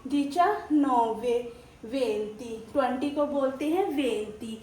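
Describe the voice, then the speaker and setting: Slow, high-voiced woman teaching a language. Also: darkish tone. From India. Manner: patient, drills words and asks questions. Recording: echoey room with faint hum.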